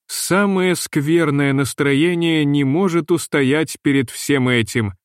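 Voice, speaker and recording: A man reading the part of a gentle, refined young woman who speaks softly and slowly, in a dry recording. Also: fairly high pitch, clear, resonant tone, no echo. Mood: admiring.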